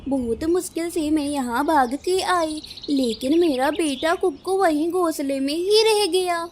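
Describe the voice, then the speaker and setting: A woman's voice: high voice, unhurried, a little hiss or hum. A woman voicing a nagging cartoon crow wife. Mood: panicked. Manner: scolding, complaining.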